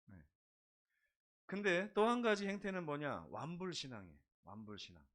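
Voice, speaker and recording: A middle-aged man preaching a sermon in a church. His voice sits fairly high for a man, and he keeps it conversational with humorous stories and questions to the listeners. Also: a bit bright. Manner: humorous storytelling, asks the congregation questions. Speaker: pastor.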